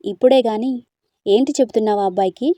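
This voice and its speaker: A kindly old grandmother in a storybook, gentle and fond, voiced by a woman reader. The voice is mellow and warm, and the recording is dry and close. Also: mid-range voice, fast talker, no room sound, close to an everyday voice. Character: kindly old grandmother, soft-hearted and sad.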